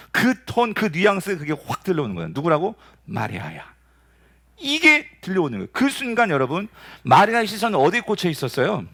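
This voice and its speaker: A man in his forties preaching a sermon as pastor, asking the congregation questions and answering them himself. He jumps high with excitement, then drops to soft, tender calls. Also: creaky.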